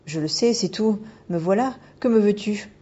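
A woman's voice: mid-range voice, normal speed, mellow, slightly rough, voice pushed up, close to an everyday voice. Casting: woman reading a cool, commanding spirit woman who turns into an otter; slightly raised, firm, dull recording. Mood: imperious. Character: mysterious shapeshifting otter spirit woman, haughty. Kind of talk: audiobook character voice.

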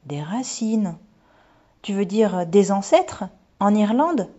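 A high, bouncy little girl full of eager wonder, as a woman reads her in a storybook. The voice is husky at the edges. The recording is dull and lo-fi. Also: lively intonation, slow, warm tone. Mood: excited. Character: excited young Japanese girl traveler.

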